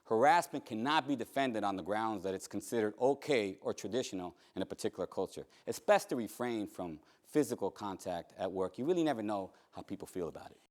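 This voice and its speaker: A man's voice: fairly low pitch, expressive, brisk, hardly any pauses, a little mellow. Emphatic male trainer. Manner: emphatic, joking, swooping emphasis. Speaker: workplace trainer. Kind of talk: training presentation.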